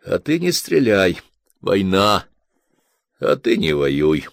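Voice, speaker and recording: A man reading a story and voicing a calm, grey-haired older soldier who speaks with steady, dry irony. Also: sits low, slow pace, gravelly, no room sound, heavily acted. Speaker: corporal in a war story. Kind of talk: audiobook character voice.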